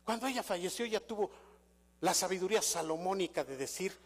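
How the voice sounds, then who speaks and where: An older man with a Mexican accent preaches in a high-pitched voice. He tells stories in a conversational way and keeps asking his congregation questions. His voice rings with a long reverb through the church hall. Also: animated, brisk. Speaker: pastor. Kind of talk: sermon. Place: church sanctuary.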